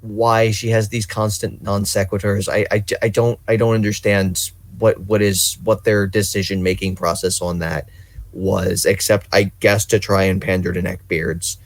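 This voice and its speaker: A man's voice: fairly low pitch, level tone, normal speed, no room sound. A man co-hosting a casual podcast, ranting and rambling with lots of swearing. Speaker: podcast co-host.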